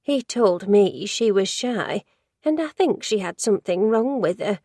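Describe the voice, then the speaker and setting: In a storybook reading, a woman voices a gossipy, judgmental older office worker who rambles and gets easily sidetracked. Her voice is medium-pitched and dark in tone, animated and a little slow, captured as clean studio sound with no echo.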